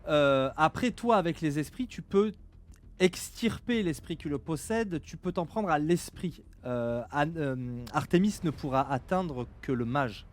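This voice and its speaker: Slow-paced man running a tabletop game. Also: a little high. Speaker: game master. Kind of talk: narrating a tabletop role-playing game.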